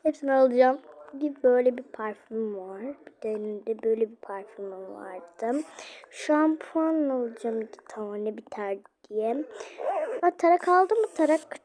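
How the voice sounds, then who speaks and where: A woman's voice: on the high side, lively intonation, moderate pace, darkish tone. A young woman narrating casually as she plays, chatting straight to her viewers. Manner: chatty, addressing viewers directly. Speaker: vlogger. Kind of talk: casual game play narration.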